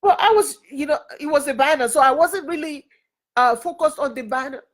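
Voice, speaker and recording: A woman's voice: high-pitched, fairly quick. A woman speaking as a mentor in an earnest, preacherly motivational talk, repeating her phrases for emphasis. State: crying and laughing at times. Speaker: mentor and network leader.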